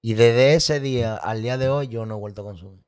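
A man's voice: medium pitch, a little fast, a little mellow, smooth. A man telling his personal story as a guest, candid and emotional, with vivid sound effects and repetition.

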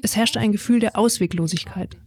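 A woman in her twenties from Ukraine, calmly reading her own first-person story in a reflective voice. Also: medium pitch, fairly quick. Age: 20s. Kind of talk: read first-person testimony.

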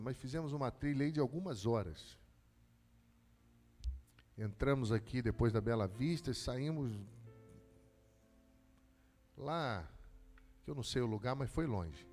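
A man's voice: medium pitch, darkish tone, in a large hall. A man preaching a sermon as a pastor, building to fervent, repeated appeals and telling stories from his own life. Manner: preaching with rising intensity and storytelling.

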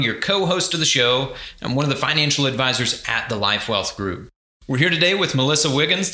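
A man's voice: on the high side, sharp tone. A man co-hosting an interview podcast, asking questions with hesitant repeated words. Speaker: podcast co-host. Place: office. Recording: roomy office recording.

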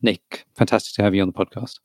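A male podcast host with a slightly low voice asks earnest questions at a measured pace. The recording is dry and close, with no room echo. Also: steady tone, darkish tone.

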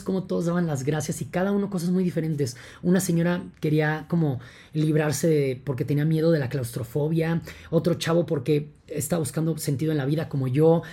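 A young man with a Mexican accent speaks in a casual podcast monologue, excited and rambling, leaning on fillers as he talks. His voice is gravelly and husky, with a mellow, dark tone. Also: a little high. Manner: enthusiastic, rambling, many fillers like "entonces" and "o sea". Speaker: podcast host.

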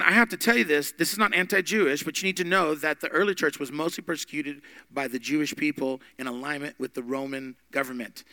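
A man teaching a Bible study podcast, emphatic, with big swings in loudness. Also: a little high, no echo.

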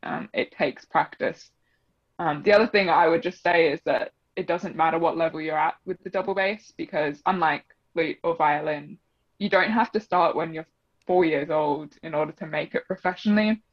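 Chatting casually as an interview guest, a young woman who plays double bass talks at a normal speed in a low voice, her accent a blend of Australian and English. She uses lots of fillers and laughs. There's no room sound, and the recording is dull, dry and slightly muffled.

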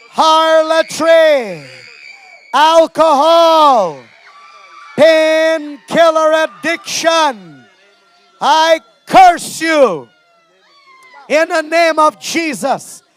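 A man preacher shouting deliverance prayers, commanding spirits out in slow, repeated chant-like phrases. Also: extremely high pitch.

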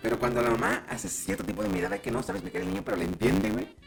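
A man's voice: medium pitch, sing-song, very fast, creaky, faint music behind. A man with a Mexican Spanish accent chatting casually on a podcast, rambling and slangy. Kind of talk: casual chat.

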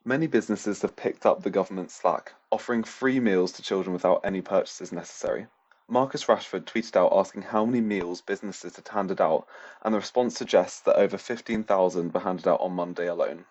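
A man's voice: low-pitched, a little fast, a little mellow, breathy edge. A man reading a scripted radio news report. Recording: slightly dull, lo-fi audio.

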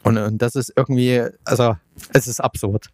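A man's voice: mid-range voice, level tone, moderate pace, a little mellow, no echo, studio quality. A man hosting a podcast, explaining news in a casual, conversational way. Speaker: podcast host.

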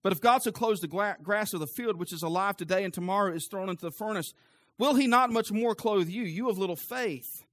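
A young adult man preaching a sermon in a church, moving from calm teaching to loud, fervent preaching. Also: high voice, fairly quick. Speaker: pastor.

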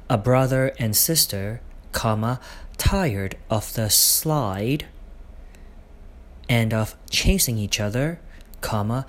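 A man dictating his own prose aloud, speaking every punctuation mark in a deliberate, halting way. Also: mid-range voice. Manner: slow, deliberate dictation with pauses.

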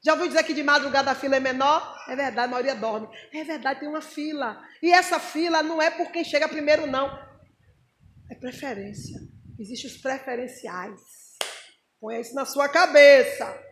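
A high-voiced woman with a Brazilian Portuguese accent preaches in a room that rings with echo. She is animated and keeps turning to her listeners with direct questions. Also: normal speed, a little hiss or hum. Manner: animated, talks straight to the congregation with rhetorical questions. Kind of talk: sermon.

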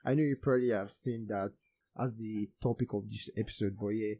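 A man's voice: on the low side, fairly even intonation, brisk, warm tone. A young man with a Nigerian Yoruba accent hosting a casual podcast. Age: young adult. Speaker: podcast host.

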